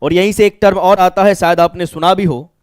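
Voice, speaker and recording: A man's voice: sits high, fairly even intonation, brisk, clean tone, no echo, clean studio sound. A man with a Bihari accent teaching an exam-prep vocabulary lesson. He explains step by step, asking questions and answering them himself.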